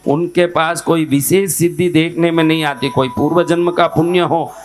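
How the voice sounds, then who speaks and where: A man's voice: fairly high pitch, fairly even intonation, normal speed, faint music behind. A man giving a devotional teaching talk as a spiritual teacher, putting questions to his listeners and then answering them.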